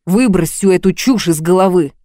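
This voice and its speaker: Stern masked man, barked short lines, mellow dry tone, read by a woman. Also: lowish voice, moderate pace, no room sound, close to an everyday voice. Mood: curt. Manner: curt, barking.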